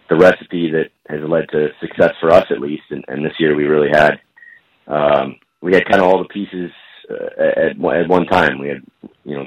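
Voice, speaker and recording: Very deep-voiced man over a phone line. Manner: thoughtful, builds answers slowly with many pauses. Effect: heard over a phone line. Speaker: guest strength and conditioning coach. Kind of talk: phone interview.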